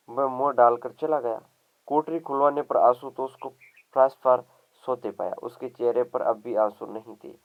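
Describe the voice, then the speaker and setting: A man's voice: medium pitch, smooth, phone-quality sound. Man reading a Hindi story aloud. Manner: plain storytelling read aloud, voicing the dialogue lightly. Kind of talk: story reading for exam students.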